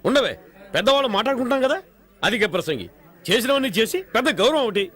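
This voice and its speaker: A fretful old father in a dubbed film scene. His voice sits very high and leaps wildly up and down, words tumbling out fast. He scolds shrilly and pleads over and over. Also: slightly rough, exaggerated voice. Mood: pleading. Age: older. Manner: excitable, shrill scolding, repeated pleas.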